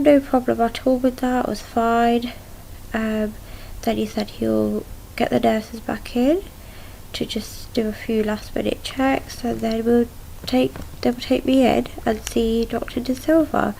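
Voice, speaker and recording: A young woman giving a casual video diary in a subdued, halting way, recorded indoors at home on a device at arm's length. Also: a little high, gravelly, mellow, slight background noise, poor audio. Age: young adult. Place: small room at home, indoors.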